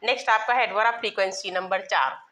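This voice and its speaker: A woman's voice: mid-range voice, fairly even intonation, normal speed, sharp tone, poor audio. A woman teaching a grammar lesson to exam students, spelling out words letter by letter and repeating phrases as she asks and answers her own questions.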